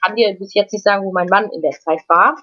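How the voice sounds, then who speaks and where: A woman guest in an interview, telling a personal story in a casual, halting way with frequent restarts and repeated words. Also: mid-range voice, bright, forceful tone. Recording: dull lo-fi recording.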